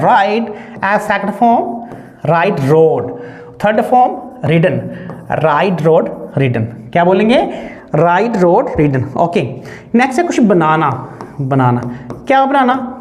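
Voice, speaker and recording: A man's voice: sits high, darkish tone. Hindi-speaking man drilling English verbs. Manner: drills verb forms with repeated call-and-response questions; mixes Hindi with English words. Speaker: English teacher. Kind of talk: online spoken-English lesson.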